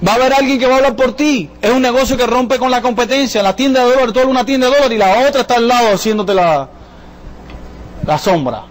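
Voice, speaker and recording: Fast, high-voiced presenter. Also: male voice. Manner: jokey, rapid-fire, full of rhetorical questions. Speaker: business presenter. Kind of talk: motivational sales presentation. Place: event room with a live audience.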